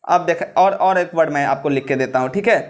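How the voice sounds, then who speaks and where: A man teaching an old script, repeating himself and checking in with the listener often. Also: on the high side. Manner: repetitive, checks in with "ठीक है" often; slows down to spell out letters. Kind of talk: classroom-style script lesson.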